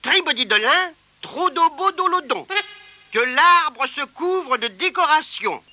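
Storybook spider girl, squeaky, stammering, sprightly, put on by a man. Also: expressive, slow pace, bright, forceful tone, heavily acted. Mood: cheerful. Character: tiny shivering female magic spider.

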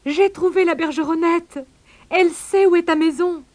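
A woman voicing a kind, motherly male kangaroo in a storybook, speaking softly and tenderly. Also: extremely high pitch, moderate pace, pitched above the performer's own voice. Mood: excited.

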